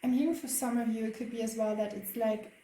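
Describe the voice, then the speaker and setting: A woman's voice: fairly high pitch, steady tone, fast talker, reverberant, a little hiss or hum, low-quality recording. A woman with a German accent doing a spiritual tarot reading, hesitant and full of fillers. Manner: hesitant, many fillers, soft laughs. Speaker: tarot card reader.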